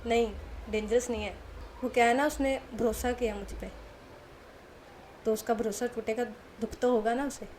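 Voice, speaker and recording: A woman voicing a gentle grown man who speaks softly and kindly to two girls. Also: fairly high pitch, fairly even intonation, normal speed, pauses often, slight background noise, close to an everyday voice. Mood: confiding. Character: gentle adult man, fond uncle type.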